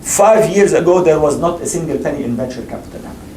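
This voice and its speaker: A man talks about investing during a panel and audience Q&A, his fairly high voice fast and lively in intonation. He's emphatic and repetitive, frequently restarting sentences, and the distant mic picks up an echoey lecture hall with faint noise.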